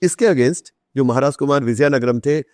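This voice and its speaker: Here a middle-aged Indian man, an author, chats as a podcast guest, mixing English phrases into his explanations and anecdotes. He has a medium-pitched, slightly mellow voice and speaks at a moderate pace. There's no echo, and the studio audio is clean.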